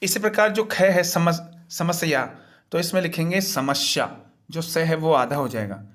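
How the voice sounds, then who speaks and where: A man's voice: a little high, unhurried, fairly bright tone. A man teaching as he walks through a worksheet's answers, explaining each one patiently and step by step in a repetitive way.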